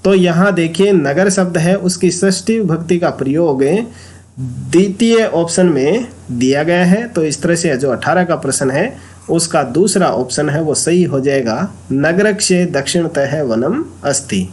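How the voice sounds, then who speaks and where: A man with a Hindi accent teaches an exam-prep grammar lesson at an unhurried pace. His voice sits a little high, and he works methodically through each answer, repeating the key terms. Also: a little mellow. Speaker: Sanskrit exam tutor.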